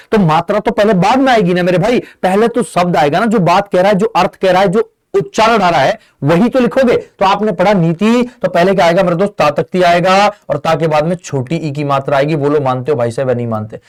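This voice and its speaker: A man teaching a Hindi grammar lesson for exam preparation, asking the students questions and answering them in their voice, and calling his listeners friend and brother. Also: high-pitched. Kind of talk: online exam-prep lesson.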